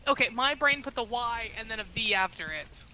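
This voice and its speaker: A woman's voice: a little high, lively intonation, a little fast, sharp tone, slight background noise, poor audio. A woman playing a ghost-hunting game with friends, goofy and self-mocking in casual chat. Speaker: co-player.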